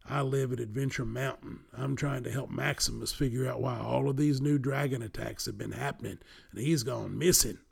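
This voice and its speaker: A man's voice: medium pitch, steady tone, normal speed, gravelly, slightly rough. A man reading a storybook and voicing a friendly, earnest, good-humored male monster in a plain storybook delivery. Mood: pleading.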